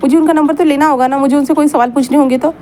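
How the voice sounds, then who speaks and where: Woman doing a high-voiced young student, pleading, protesting. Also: steady tone, racing, mellow, slight background noise, lightly acted. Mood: sulky. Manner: pleading, repeats "sir" often.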